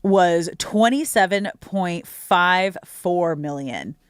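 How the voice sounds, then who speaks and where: A woman's voice: fairly low pitch, expressive, slow pace, clean tone, dry recording. An American woman hosting sports radio, talking casually and emphatically straight to her listeners. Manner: conversational, emphatic, addresses listeners as you guys.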